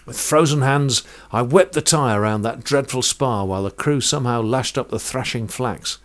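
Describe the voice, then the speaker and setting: A man narrating a first-person sea story in a vivid, measured way, rich with sailing terms. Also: medium pitch.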